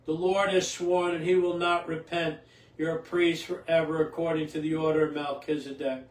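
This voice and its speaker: Older male priest, fairly high voice, steady reading, then a loose homily, distant and echoey. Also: moderate pace. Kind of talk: scripture reading and homily at Mass. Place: small indoor home chapel. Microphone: camera a few feet away. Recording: roomy echo, distant from the mic.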